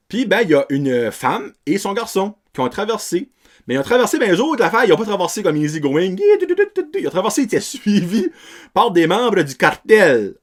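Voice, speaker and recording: A young man with a Québécois French accent rambles through a casual film review, sprinkling in English words and loose slang. His pitch swings up and down a lot as he talks, in an unpolished, off-the-cuff way. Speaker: podcast host.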